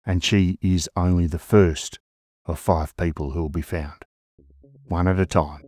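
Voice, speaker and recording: A man with an Australian accent narrating a scripted mystery story as a podcast host, in a measured, dramatic way. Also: deep voice, fairly even intonation, a little mellow, no echo.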